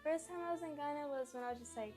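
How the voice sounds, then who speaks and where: A woman's voice: high-pitched, rapid-fire, darkish tone, soft background music. A young female interviewee answering questions in a casual, chatty way.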